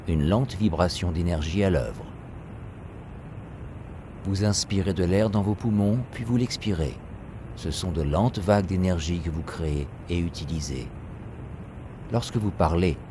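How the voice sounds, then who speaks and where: A man reading a scripted guided meditation, giving calm, measured instructions. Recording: steady rumbling noise behind voice. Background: ocean wave sounds.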